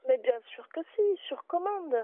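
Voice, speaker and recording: This bookshop clerk has a very high, animated voice and speaks at normal speed as she answers a customer call, polite yet firm and patient throughout. The tinny phone audio has no room sound.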